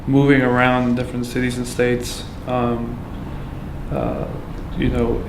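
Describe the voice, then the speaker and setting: A man from Afghanistan tells his story as a patient in a monotone, with hardly any rise or fall in his voice. He halts often, filling gaps with fillers and restarting his sentences. The room echoes and there is clear noise behind him. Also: medium pitch. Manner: halting, with many fillers and restarts. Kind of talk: candid personal testimony.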